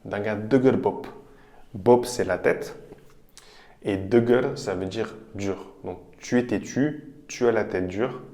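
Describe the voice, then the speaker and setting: A man teaching vocabulary, explaining each example patiently and repeating phrases slowly. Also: lowish voice, warm tone. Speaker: language teacher. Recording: roomy echo.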